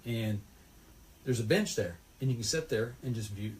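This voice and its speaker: A man's voice: medium pitch, moderate pace. A man telling a rambling, folksy story about a fishing trip in casual podcast chat. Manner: rambling, folksy, animated retelling.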